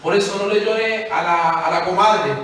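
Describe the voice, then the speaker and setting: A male pastor preaching a passionate sermon, swinging from loud pleading to quiet, low confession. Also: fairly even intonation, moderate pace. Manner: impassioned preaching, rising to shouts then dropping low. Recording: echoey hall, mic at a distance, faint noise.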